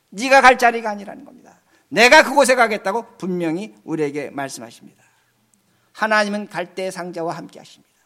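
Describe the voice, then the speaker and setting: A male pastor preaching a sermon, swinging between loud emphatic lines and soft, low asides.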